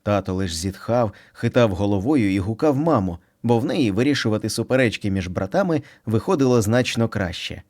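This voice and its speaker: A man narrating a children's storybook in an expressive, playful reading. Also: lowish voice, a little fast, hardly any pauses.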